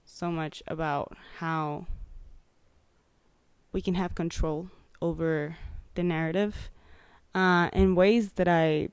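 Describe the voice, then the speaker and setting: A woman's voice: lowish voice, smooth, no echo. A young woman hosting a podcast, chatting casually with lots of likes and ums. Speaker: podcast host. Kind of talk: casual chat.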